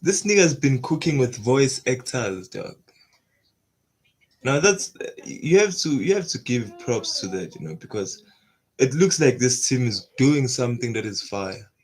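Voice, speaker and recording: A young man talks casually through an anime reaction and drops into slang. He often gets hyped and repeats short exclamations. His voice sits at an ordinary middle pitch. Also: slightly rough. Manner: excitable, slangy, repeats "nah" in bursts.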